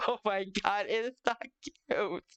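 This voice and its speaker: A woman with a smooth, clear voice chats casually as a stream host. She rambles along playfully, and the sound is dry and close, free of room echo. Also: medium pitch, a little slow. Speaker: streamer hosting an interview stream. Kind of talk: casual chat.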